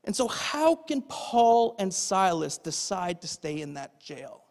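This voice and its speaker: A pastor preaching a conversational sermon, often checking in with "okay?" and asking the congregation questions. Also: male voice, high-pitched, sing-song, slow pace. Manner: asks the audience rhetorical questions. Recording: long hall reverb.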